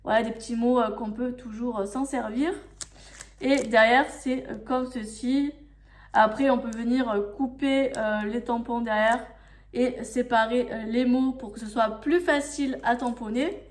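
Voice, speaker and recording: A woman talks through her craft haul in a casual vlog. Her voice sits a little high and she speaks slowly, gushing over every item and filling pauses with hesitations. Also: steady tone. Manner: enthusiastic, gushing, many fillers.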